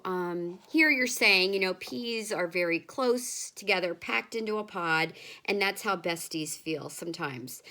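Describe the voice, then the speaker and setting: A woman teacher explaining similes and reading a children's story aloud, gentle and patient. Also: fairly low pitch. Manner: gentle, explanatory, slow with pauses. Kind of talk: read-aloud lesson for children.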